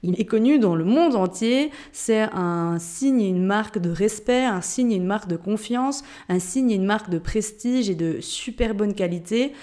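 A mindset coach from the Jura region of Switzerland, speaking with a Swiss French accent, talks animatedly to her listeners on her solo podcast. Her mid-range, dark-toned voice flows at normal speed with few pauses, casual and chatty.

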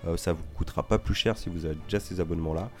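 A man's voice: low voice, racing, soft background music. A man co-hosting a film podcast, chatty and joking as he recommends films. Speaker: podcast co-host. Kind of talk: casual film chat.

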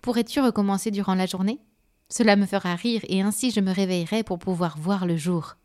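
A woman's voice: mid-range voice, steady tone, fairly quick, a little mellow, close to an everyday voice. A woman voicing a young female night flower, hopeful and a little wistful, in a children's storybook. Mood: friendly.

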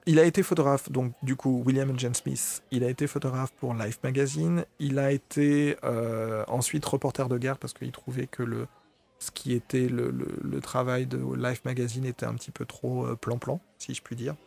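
A man's voice: medium pitch, steady tone, normal speed, creaky, a little mellow. A man giving an informal spoken talk on photography, hesitant, with many fillers, restarts and apologies. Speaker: photography presenter.

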